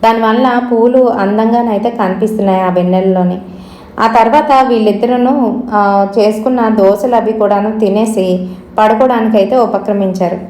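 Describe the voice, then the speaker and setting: A woman narrating a horror story in a steady, conversational way, with frequent fillers. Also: mid-range voice, normal speed. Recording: echoey room.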